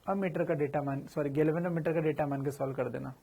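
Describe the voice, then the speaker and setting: A man's voice: on the high side, fairly even intonation, fast talker, creaky, dark tone, slightly rough. A man teaching physics in a chatty, informal lecture, asking questions and answering them himself. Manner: addresses students familiarly, slips in slang.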